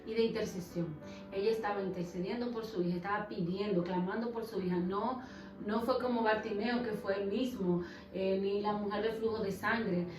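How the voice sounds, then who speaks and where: A woman's voice: mid-range voice, steady tone, normal speed. Woman, Bible study co-host, brief affirming comments, distant from mic, echoey room, music behind. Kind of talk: conversational Bible study discussion.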